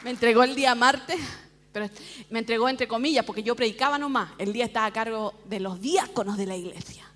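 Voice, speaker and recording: A middle-aged woman pastor giving a lively personal testimony in church, often laughing at herself as she tells it. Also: on the high side, quick pace, a little hiss or hum. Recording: long church hall reverb.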